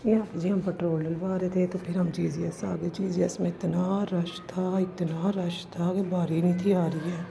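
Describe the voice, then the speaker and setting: A vlogger narrates a casual home and cooking video, chatty and homely, calling her viewers "ji." Her fairly low, warm voice has vocal fry, little pitch movement, normal speed and few pauses. The lo-fi recording sounds slightly dull, with faint ambience and household noise.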